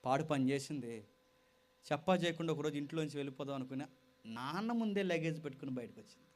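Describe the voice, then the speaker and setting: A man preaching and telling a moral story, with emphatic repetition and sudden loud bursts. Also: fairly high pitch, expressive, fast. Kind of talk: storytelling sermon.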